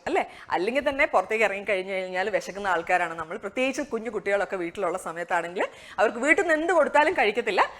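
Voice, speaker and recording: Brief: woman, pronunciation teacher, animated pitch, chatty and patient. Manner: conversational, asks rhetorical questions, slows on target words. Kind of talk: explanatory lesson.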